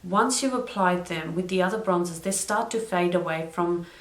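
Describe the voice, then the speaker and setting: A woman's voice: fairly low pitch, normal speed. A young woman chatting through a makeup tutorial, drifting into side stories and correcting herself as she goes. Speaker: beauty vlogger. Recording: roomy echo.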